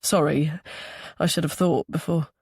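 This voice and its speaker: Charming easygoing guy chatting someone up, read by a woman, gravelly low voice, storybook. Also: fairly even intonation, normal speed, a little mellow, no echo, clean studio sound, heavily acted. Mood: friendly. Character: charming, attentive grown man on a date.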